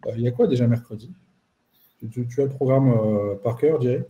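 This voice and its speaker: A man hosting a live online chat, relaxed and chatty with some fillers. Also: mid-range voice, a little fast, muffled recording. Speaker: host.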